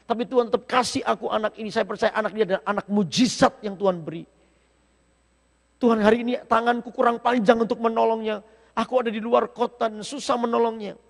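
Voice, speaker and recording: High-voiced preacher in a reverberant church hall. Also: male voice, steady tone, gravelly. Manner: emotional storytelling, sometimes breaks into slow song. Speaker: pastor. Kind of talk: sermon. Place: church sanctuary.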